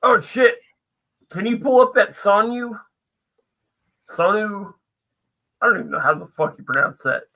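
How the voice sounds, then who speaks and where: A man's voice: high voice, big pitch swings, brisk, gravelly, bright, forceful tone, low-quality recording. A man co-hosting a podcast, brash and profane, joking through casual chat. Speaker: podcast co-host.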